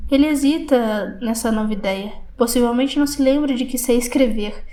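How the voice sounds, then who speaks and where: A woman with a Brazilian Portuguese accent narrating an audiobook in a measured, reflective first-person reading. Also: on the high side, dark tone.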